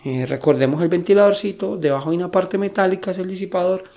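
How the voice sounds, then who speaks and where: A man's voice: high-pitched, fast, warm tone. A man hosting a computer-maintenance tutorial, explaining step by step in a casual way and often checking that his listeners follow. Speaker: tech tutorial host.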